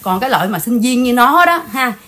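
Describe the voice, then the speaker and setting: A woman's voice: fairly high pitch, animated, brisk, pushed and bright. A woman born in Vietnam hosting a channel, chatting indignantly in casual gossip commentary and often calling out to her viewers. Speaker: channel host.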